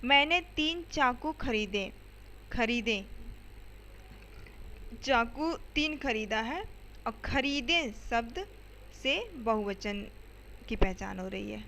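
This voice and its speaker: A woman's voice: a little high, lively intonation, slow, vocal fry, pushed and bright, a little hiss or hum, poor audio. A woman teacher explaining grammar to schoolchildren step by step, often checking in with "okay" and asking the students questions. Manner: addresses students directly with questions.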